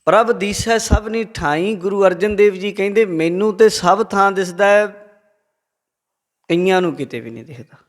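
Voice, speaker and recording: A Sikh preacher, Punjabi-accented, tells a story and quotes the Guru in a lively talk to a congregation. His voice is high, at normal speed, and he pauses often.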